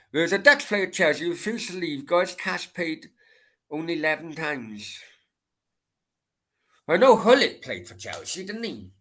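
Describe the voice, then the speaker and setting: A man's voice: fairly high pitch, big pitch swings, measured pace, pauses often, a bit bright. A middle-aged man with a Welsh Valleys accent, chatting casually as a livestream host in a sweary, rambling, repetitive way. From Merthyr, south Wales. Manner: sweary, rambling, repeats himself. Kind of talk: casual late-night football Q and A chat.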